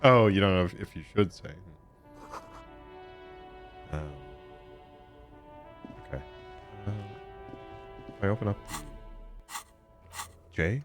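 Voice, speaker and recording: A man's voice: lowish voice, animated, takes it slowly, pauses often, soft background music. Giggly man streaming a game. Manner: giggly, reads choices aloud. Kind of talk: casual let's play commentary.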